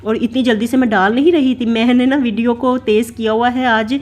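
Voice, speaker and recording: A Pakistani woman in her thirties, a vlogger mom, chats through a casual voice-over for her home cooking and daily routine vlog. Her voice is a little high and darkish, fairly even in intonation and fairly quick, and she rambles with lots of "na" fillers. The voice-over was recorded separately.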